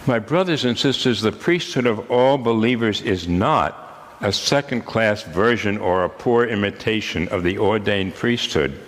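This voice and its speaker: Old guy in his 80s preaching a sermon, lowish voice, slow solemn pauses, long church echo. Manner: measured, solemn delivery with deliberate pauses. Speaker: priest.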